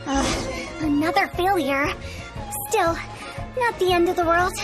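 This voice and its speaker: A cheeky young funeral director who turns morbid remarks into breezy teasing. Her voice is very high and bright in pitch. Game music plays behind her. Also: slow. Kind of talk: game cutscene voice acting. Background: game score.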